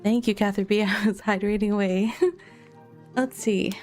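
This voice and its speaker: Streaming a game from home, a woman chats casually with viewers, laughing often and using loose fillers. Her voice is medium-pitched and darkish, with fairly even intonation and a normal pace, and faint chill music plays in the background.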